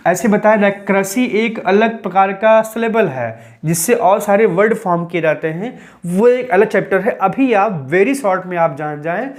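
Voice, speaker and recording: A man teaching English grammar in a patient, step-by-step explanatory lecture, dropping English terms into his talk. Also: high-pitched.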